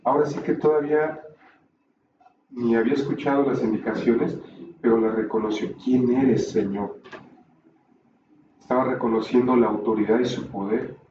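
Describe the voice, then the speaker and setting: A man teaching a Bible class, explaining calmly and tossing in rhetorical questions, recorded from a distance in a roomy space. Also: mid-range voice, normal speed, pauses often, highs cut off, noisy background.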